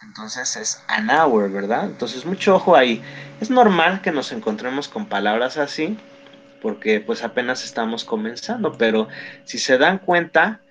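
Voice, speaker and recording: A man's voice: medium pitch, sing-song, normal speed, a bit bright, low-quality recording. A man teaching a beginner English class, patiently correcting pronunciation and encouraging his students.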